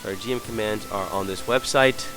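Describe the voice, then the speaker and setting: Low-voiced hungover man, hesitant tutorial. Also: a little fast, music in the background. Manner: hesitant, apologetic, searching as he goes. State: hungover and sick. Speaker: tutorial presenter. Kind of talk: unscripted screen-recorded software tutorial.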